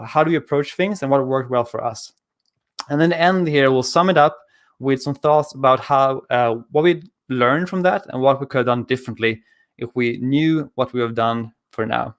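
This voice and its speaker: A Swedish man in his 30s gives a technical conference talk remotely over a video call, relaxed and conversational with lots of ums. His voice is medium in pitch at a normal speed, recorded on a studio mic on an arm at home.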